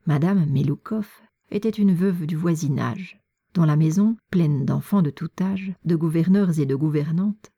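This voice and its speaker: A woman reading a classic novel aloud in a measured, often near-whispered way. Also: low voice, breathy edge, muffled recording. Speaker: reader. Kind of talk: audiobook narration of a classic novel.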